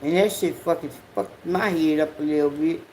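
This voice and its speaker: A person with a Southern US accent chatting casually on a livestream in an unhurried, slangy, profane way. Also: medium pitch, a little mellow, a little hiss or hum, poor audio. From Southern United States. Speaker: livestream host.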